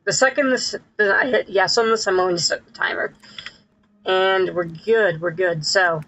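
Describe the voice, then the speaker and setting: Streamer with a pitched-up chipmunk voice. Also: a little slow, pushed and bright, a little hiss or hum, rough recording. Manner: rambling, self-correcting, laughs often. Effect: pitched-up chipmunk-like voice filter. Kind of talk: casual live-stream gameplay commentary.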